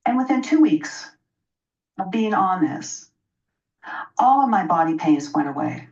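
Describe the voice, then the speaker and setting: A woman in her mid-sixties talks as a guest in a radio interview. Her voice sits fairly low, and she explains personally, repeating phrases for emphasis. The recording is a little muffled and distant. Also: very animated, a little slow, darkish tone. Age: 60s. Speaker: interview guest, health practitioner. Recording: dull, roomy, distant microphone sound.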